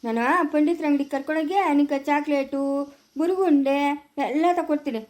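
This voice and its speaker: A woman with a rural Chikkaballapura Kannada accent playing a defiant, sharp-tongued grown village son in an amateur family skit, curt with his mother and gentle with a baby. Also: high-pitched, a little fast, close to an everyday voice. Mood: soothing. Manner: curt, dismissive, then soft cooing with a baby.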